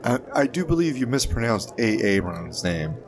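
A man's voice: medium pitch, very animated, moderate pace, background noise. A man playing a tabletop game in casual talk. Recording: music behind the voice.

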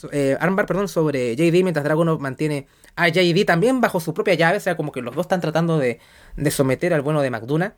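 A podcast host with a mid-range voice gives a wrestling commentator's blow-by-blow recap. The delivery is informal and jokey, dotted with colloquial asides and the odd swear word. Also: medium pitch. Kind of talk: wrestling commentator style match recap, casual.

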